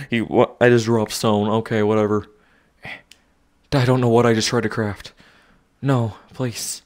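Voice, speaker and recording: Breathless young man narrating VR gameplay. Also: lowish voice. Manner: self-narrating, exclaiming, muttering to himself. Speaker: gaming YouTuber. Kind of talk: VR gameplay commentary. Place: home room with desk.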